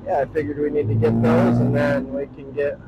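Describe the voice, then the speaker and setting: This middle-aged man's mid-range voice stays level as he speaks briskly, giving casual, enthusiastic, plain-spoken food commentary for his vlog. He's outside on a city street after dark. Street noise and passing vehicles are clearly heard.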